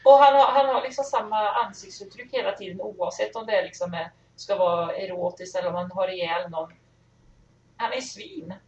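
A woman co-hosting a casual podcast chat, blunt and opinionated. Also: medium pitch. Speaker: podcast co-host. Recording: distant, roomy, lo-fi sound with faint noise.

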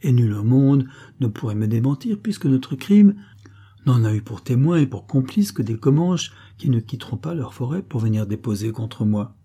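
A man's voice: medium pitch, lively intonation, moderate pace, warm tone, husky. A man reading an audiobook voices a furious, cornered, treacherous nobleman who speaks in an angry, blustering way.

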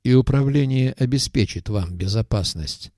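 A man reading an audiobook voices a stern, weary middle-aged intelligence chief who speaks in a measured, reproachful way. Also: medium pitch, expressive, dark tone, dry recording, studio quality, voice pushed up, close to an everyday voice.

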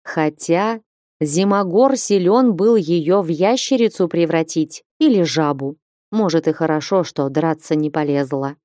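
A woman narrating a fantasy novel as an audiobook in steady storytelling. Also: low voice, measured pace, no room sound, clean studio sound.

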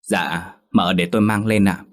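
Man reading a gentle kindly old maid. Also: sits low, steady tone, measured pace. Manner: gentle, soothing. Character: kindly older woman servant.

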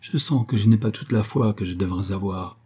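A man's voice: lowish voice, fairly quick, mellow, slightly rough. A man voicing a dying poor woman in an audiobook reading, anxious and pleading. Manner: pleading, breathless questions.

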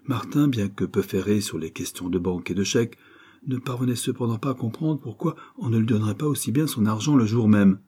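A male audiobook narrator tells the story in a steady, scripted way. His voice is low and dark, with a husky grain. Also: a little fast.

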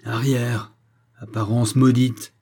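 A man's voice: fairly low pitch, little pitch movement, moderate pace, mellow, slightly rough. A man voicing a delirious old male spiritualist in an audiobook, crying out in frantic, pleading terror. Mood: terrified.

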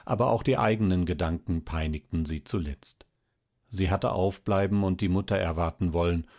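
Deep-voiced man reading a classic tale. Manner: calm, measured reading. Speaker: audiobook narrator. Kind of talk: scripted narration.

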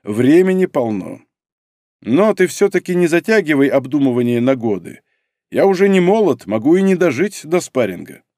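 A man reading an audiobook, voicing a sly, jovial older man who speaks slowly and teasingly. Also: on the high side, big pitch swings, dark tone, no echo, clean studio sound.

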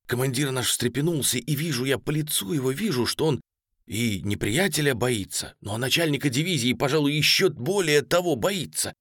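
A man's voice: mid-range voice, normal speed, husky, no room sound, studio quality. Man reading a war novel expressively. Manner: animated, expressive storytelling. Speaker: audiobook narrator. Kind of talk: first-person novel reading.

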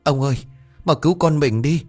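A man's voice: lowish voice, expressive, fairly quick, slightly rough, soft background music. A man voicing a frightened middle-aged village mother who stammers and pleads in panic. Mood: panicked.

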